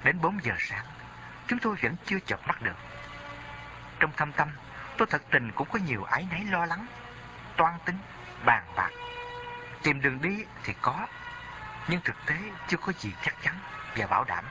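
A man's voice: on the high side, sing-song, normal speed, long pauses, highs cut off, noisy background. A man narrating a memoir in a reflective reading style.

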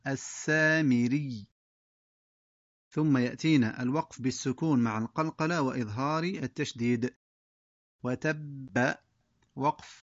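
A man teaching the rules of pausing in Quran recitation, reciting each example word slowly and then stating the rule quickly. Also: mid-range voice, a little mellow, no echo, highs cut off. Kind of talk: tajwid lesson with slow recited examples.

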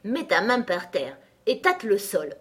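A woman voices a proud, short-tempered tiger lily in a children's storybook, commanding and scolding in a bossy mood. Her voice is on the high side, pitched above her own yet close to an everyday voice, with lively intonation at normal speed.

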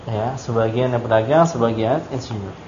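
A man's voice: medium pitch, moderate pace, a little mellow, slight background noise. A man teaching Arabic grammar in a classroom, quizzing his students and stressing points emphatically. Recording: echoey dull room recording.

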